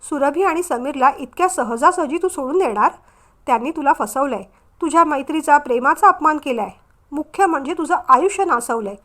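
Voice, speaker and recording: A woman's voice: high-pitched, animated, brisk, fairly bright tone. A woman voicing a scheming young woman who talks in a coaxing, persuasive way. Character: scheming young sister-in-law, soothing outside.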